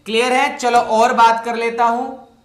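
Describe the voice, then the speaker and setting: A man teaching English punctuation in an online coaching lecture, who repeats his phrases, drawls out the example sentences very slowly and calls his students "my child". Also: very high-pitched, level tone, a bit bright, reverberant.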